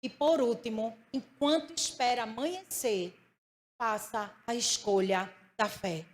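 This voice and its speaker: A woman pastor, preaching a sermon and telling a personal story with lively acted-out dialogue. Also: fairly high pitch, unhurried. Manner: storytelling, animated, acts out dialogue.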